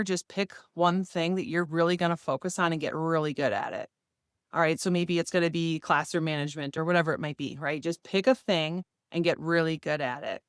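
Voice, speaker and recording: A woman's voice: fairly low pitch, clear, resonant tone, dry recording, studio quality. A woman in her forties talking casually and earnestly straight to the viewer about her fitness year. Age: 40s. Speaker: fitness vlogger. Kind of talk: casual direct-to-camera talk.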